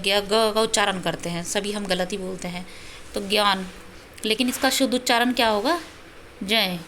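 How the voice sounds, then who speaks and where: A woman's voice: a little high, a bit bright, a little hiss or hum. A woman teaching a Sanskrit lesson, patiently explaining and spelling out syllables one by one. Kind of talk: self-study lesson.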